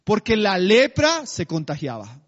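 Male preacher, very high voice, dull muffled recording, questions to the congregation, drawn-out emphasis on key lines. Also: wildly swooping pitch, long reverb tail. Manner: slows to a drawn-out, emphatic cadence on key phrases; addresses the congregation with rhetorical questions. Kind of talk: sermon.

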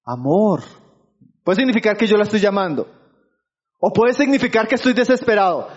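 A man's voice: high-pitched, fast talker, lo-fi sound. A man preaching to his congregation, calling them brothers and keeping them engaged with rhetorical questions. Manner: keeps asking the congregation for agreement; addresses listeners as brothers. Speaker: pastor. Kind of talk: sermon.

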